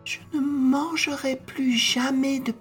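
A picky little storybook girl, put on by a man in a high, thin voice. She sounds choosy and prim. Faint music runs behind her. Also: flat delivery, slow, fairly bright tone, exaggerated voice. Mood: fussy. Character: fussy little girl, Goldilocks.

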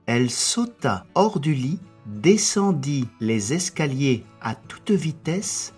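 A man reading a children's fairy tale aloud slowly and expressively. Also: medium pitch, very animated, breathy edge. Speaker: narrator. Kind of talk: storybook reading. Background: soft music.

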